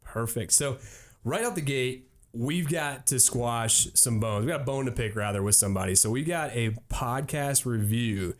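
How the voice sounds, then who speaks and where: A man's voice: medium pitch, normal speed. Upbeat joking male podcast host. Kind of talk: casual podcast chat.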